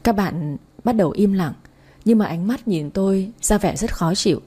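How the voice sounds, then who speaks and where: A woman's voice: mid-range voice, normal speed, mellow, husky. A young adult woman reading a first-person story aloud in a firm, lecturing manner. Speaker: narrator.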